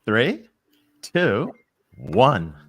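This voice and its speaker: A man's voice: mid-range voice, wildly swooping pitch, very slow. A man co-hosting a talk show over a video call, upbeat and effusive as he introduces guests. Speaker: co-host. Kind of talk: lively show intro chat.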